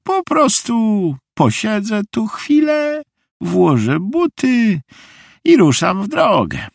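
Old lady stranger, voiced by a guy, high squeaky and slow, quirky cheerful, husky edge. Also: a bit bright, no echo, clean studio sound, heavily acted. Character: eccentric cheerful old woman, odd stranger, not human. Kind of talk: audiobook character voice.

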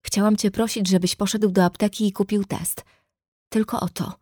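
A woman voicing a scared, gentle seventeen-year-old girl in a read-aloud story. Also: mid-range voice, fairly even intonation, moderate pace, husky, dry recording, clean studio sound, close to an everyday voice. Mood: pleading. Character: frightened gentle teenage girl.

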